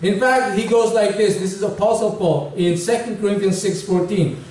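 Pastor preaching in an echoey hall. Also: male voice, high voice, moderate pace, a little mellow, recorded from a distance, slight background noise. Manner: conversational preaching with humor and chuckles. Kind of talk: sermon. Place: church hall stage with large windows behind.

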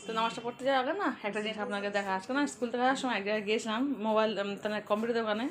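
A woman with a Bengali accent chats quickly to viewers in a casual home vlog, addressing them directly. Her voice is on the high side with fairly even intonation. She recorded on a phone at home, with soft music playing in the background.

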